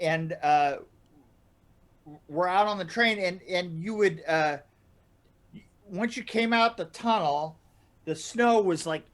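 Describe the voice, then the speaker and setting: Over a video call from a room indoors, a middle-aged podcast regular with a high-sitting voice tells casual stories. He's lively and keeps chuckling as he talks, stumbling on starts and restarting his phrases.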